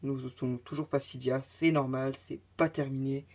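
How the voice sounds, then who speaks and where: Hesitant man with a mellow voice. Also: medium pitch, little pitch movement, normal speed. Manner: hesitant, many filler sounds, chatty asides. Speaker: tech tutorial presenter. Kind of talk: casual screen tutorial narration.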